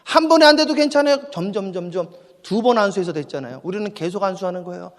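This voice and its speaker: A man preaching at a dawn church service as pastor, emphatic, repeating his phrases and swinging from quiet talk to shouting. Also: high voice, lively intonation, quick pace, big-room sound. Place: church sanctuary.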